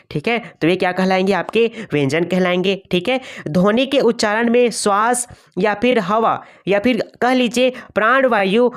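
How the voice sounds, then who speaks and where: Female online tutor, Chhattisgarh Hindi accent, mid-pitched voice, patient exam-prep lesson with repeated quiz-style recaps. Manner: repeats points as quiz questions, keeps saying "ठीक है". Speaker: online teacher.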